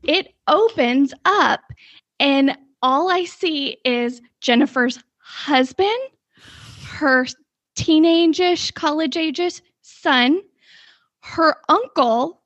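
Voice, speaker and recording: A woman's voice: high voice, fairly bright tone, no room sound. A woman co-hosting a casual chat show, a rambling storyteller who goes off on tangents, recorded with a dull, slightly lo-fi sound. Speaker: podcast co-host.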